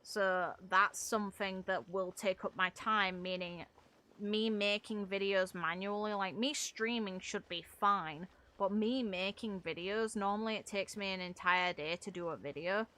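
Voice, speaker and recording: This game streamer, a young adult woman, keeps up a loose, rambling livestream chat with viewers and swears mildly now and then. Her mid-range voice is steady and sharp, and she takes her time.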